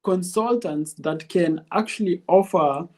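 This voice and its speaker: Interview guest, male, Kenyan accent, fairly high voice, methodical explainer who restates key phrases. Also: a little slow. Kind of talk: interview answers explaining legal arguments.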